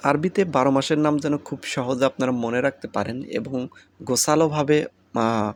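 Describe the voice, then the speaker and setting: A man with a Bangladeshi Bengali accent gives a casual spoken lesson. His voice sits at an ordinary middle pitch. He says each term several times so listeners can memorize it. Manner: repeats each word slowly for learners. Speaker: language teacher.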